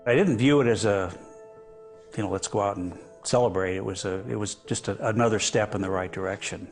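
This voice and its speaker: An older man giving a reflective television interview, measured and hesitant, with frequent pauses and fillers. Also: lowish voice, soft background music. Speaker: interview guest.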